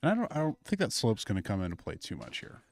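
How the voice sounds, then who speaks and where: Lively low-voiced male golf co-commentator. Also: quick pace, vocal fry.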